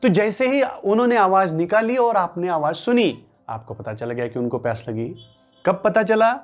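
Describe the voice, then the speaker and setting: A man's voice: high-pitched, expressive, normal speed, soft background music. A man from Maharashtra whose first language is Marathi, giving a motivational workshop lecture as a coach who keeps asking rhetorical questions and answering them himself. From Maharashtra, India. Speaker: English-speaking coach.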